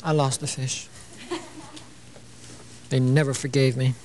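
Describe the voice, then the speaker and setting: A man's voice: medium pitch, little pitch movement, slow pace, a little mellow, slight background noise, low-quality recording. An older man from Illinois hosting a sewing demonstration on a television show, chatty and playful, with frequent "you know" and joking asides. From Illinois, USA. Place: TV studio.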